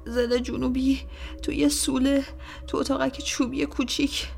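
Woman voicing a tortured man pleading, high and strained. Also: flat delivery, gravelly, a little mellow, faint music behind. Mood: agonized pleading. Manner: gasping, broken pleading. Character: wounded male captive, pleading in agony.

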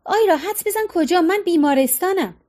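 A woman's voice: very high voice, expressive, darkish tone, voice pushed up. A woman voicing a middle-aged mother who soothes and reassures. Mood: chatty.

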